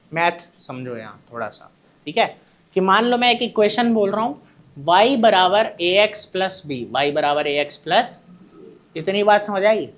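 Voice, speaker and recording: A male teacher giving a classroom lecture, who keeps asking his students short questions, answers them himself, and calls them his children. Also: sits high. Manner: addresses students fondly as children.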